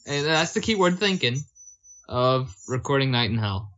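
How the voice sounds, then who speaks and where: A man's voice: medium pitch, lively intonation, moderate pace, a bit bright, slight background noise. A young man from Canada, a guest on a casual podcast chat over a voice call, joking and self-mocking. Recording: dull lo-fi call audio.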